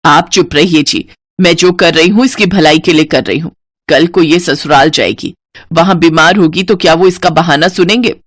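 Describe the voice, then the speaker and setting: A woman voicing a harsh, cruel stepmother in a cartoon story, who scolds in a sharp way. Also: on the low side, normal speed, dry recording, studio quality, close to an everyday voice. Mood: scolding.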